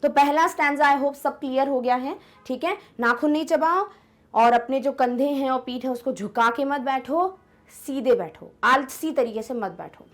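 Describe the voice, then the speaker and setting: A young woman teacher explaining an English poem in a chatty way, often checking whether students follow and reading the English lines slowly. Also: high-pitched. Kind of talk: online lesson explaining an English poem in Hindi.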